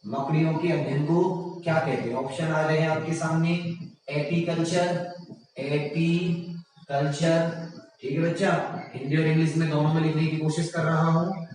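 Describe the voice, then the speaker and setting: A man teaching a general science class online, reading out quiz options slowly and praising his students often. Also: fairly high pitch, level tone, a little mellow, heavy reverb, in a large hall, recorded from a distance, low-quality recording.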